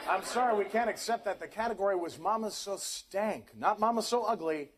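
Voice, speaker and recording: A man's voice: high voice, brisk, a crowd in the background, close to an everyday voice. A man playing a brash game show host. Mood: judging. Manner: snappy judging verdicts. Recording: noisy old TV broadcast, distant. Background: studio audience.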